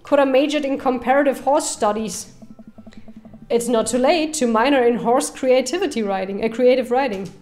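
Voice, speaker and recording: An easygoing young dad speaking in a plain, relaxed way, as a woman reads him. The voice stays close to the reader's own, somewhat high. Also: moderate pace, close to an everyday voice.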